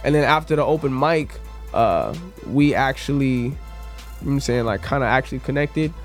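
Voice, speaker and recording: A man's voice: mid-range voice, moderate pace. A young man with a mid-range voice, telling his story in a loose, casual way. He pokes fun at himself as he goes. Faint music sits behind him. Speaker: musician guest. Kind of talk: casual chat.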